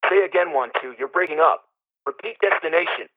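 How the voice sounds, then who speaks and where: A man calls in over a crackly, tinny two-way radio call, his voice squeezed thin as if through a phone line. He sits a touch high in pitch and keeps every phrase clipped and businesslike. The signal sounds distant. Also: animated, brisk. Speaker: soldier on patrol radio. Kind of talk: terse military radio procedure.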